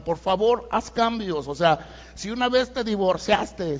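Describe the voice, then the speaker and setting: A middle-aged man with a Mexican accent preaching a sermon as pastor, chatting with the congregation and often adding "¿verdad?". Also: high voice. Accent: Mexican Spanish. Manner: conversational preaching with frequent "¿verdad?" asides. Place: large church hall. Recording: dull church PA recording with long reverb.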